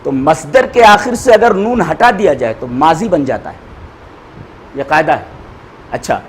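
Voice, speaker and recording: A man with a fairly high, very animated voice teaches a grammar class at an unhurried pace. He repeats each word and spells it out letter by letter for students to copy. A faint hum of room sound sits behind him. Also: low-quality recording.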